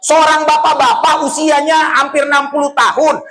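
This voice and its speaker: A man preaching a lively sermon in a prayer room, loud and joking, often throwing questions at the audience. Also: very high-pitched, normal speed, rough recording.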